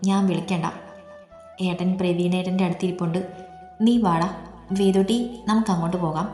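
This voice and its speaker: A woman voicing a hot-tempered younger sister who fires sharp, indignant questions, read as story dialogue. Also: on the low side, fairly even intonation, moderate pace, close to an everyday voice. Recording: echoey room, long reverb, soft music.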